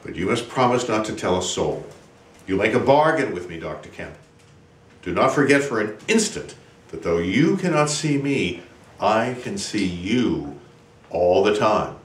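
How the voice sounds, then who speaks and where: Roomy distant recording, an actor as menacing fugitive male scientist, theatrical swooping pitch, imperious, brooding, stage monologue. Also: big pitch swings. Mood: weary, urgent, then menacing, commanding. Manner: imperious, brooding, emphatic, with dramatic pauses. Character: desperate, menacing male scientist turned invisible, exhausted fugitive.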